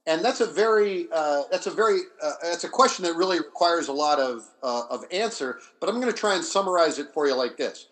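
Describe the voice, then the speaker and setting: A man's slightly high voice, a bit bright, carries lively intonation as he speaks off the cuff. He's a history scholar in a panel discussion, explaining deliberately while restarting haltingly and repeating phrases.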